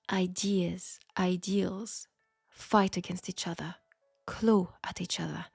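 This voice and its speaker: An audio roleplay performer with a French accent voices a frank, perceptive young Parisian seamstress, gently reproachful, in an intimate steampunk audio drama. Her medium-pitched, soft, breathy delivery is hushed, exaggerated, and deliberate, with pauses and breathy sighs. The recording is studio quality with no echo.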